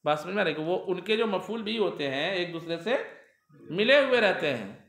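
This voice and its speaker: A man teaching a grammar lesson in a classroom. He reads Arabic text aloud slowly and asks his students questions, often answering them himself. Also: high-pitched, lively intonation, a bit bright, reverberant.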